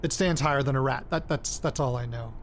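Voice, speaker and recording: In a naturalistic audio drama, an actor with a natural, medium-pitched male voice plays a young amateur investigator, anxious and insistent, probing his late grandparents' secrets. Uneasy yet matter-of-fact, he speaks haltingly, bluntly and pressingly, with swearing, in a hesitant recorded diary and interview, captured as a field recording with background noise.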